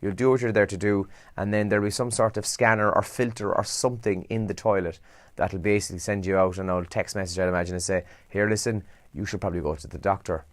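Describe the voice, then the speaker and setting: A man's voice: fairly low pitch, little pitch movement, fast talker, no room sound. A man with a Kerry Irish accent hosting a breakfast radio show, chatting casually through the morning papers with asides and rhetorical questions. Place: radio studio.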